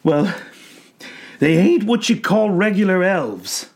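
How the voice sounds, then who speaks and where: A haunted old man, skin and bones, locked in an asylum, as a man reads him aloud. He mumbles in a folksy way and his voice strains high and cracks into sobs. Spoken slowly, as in a storybook. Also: big pitch swings, gravelly, full character voice. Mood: mumbling. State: sobbing. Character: broken old male asylum patient, haunted.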